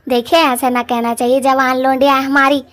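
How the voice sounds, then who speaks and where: A gossipy middle-aged mother from a cartoon, voiced by a woman. She nags and frets in homely, folksy speech, pitched a bit high and spoken loud. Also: little pitch movement, a little fast, lightly acted. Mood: pleading. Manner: nagging, rustic folksy speech.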